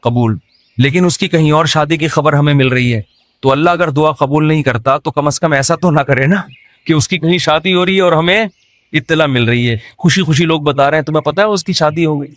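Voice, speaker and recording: Male Islamic scholar with a Pakistani accent, lively sermon, fairly high voice, close and dry. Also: no echo. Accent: Pakistani Urdu. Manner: jokes, rhetorical questions, acts out quoted people. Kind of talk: humorous sermon.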